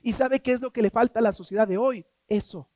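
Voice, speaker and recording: A man preaching a sermon as pastor, emphatic, swinging between loud and hushed, asking rhetorical questions. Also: very high-pitched, fairly quick, no room sound. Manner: acts out quoted voices in a mocking tone.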